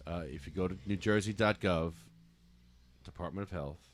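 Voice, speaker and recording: Walking a caller through a website on his casual call-in podcast, a man with a low-sitting voice gets worked up at a moderate pace. He grows frustrated, flares up, and curses before saying sorry.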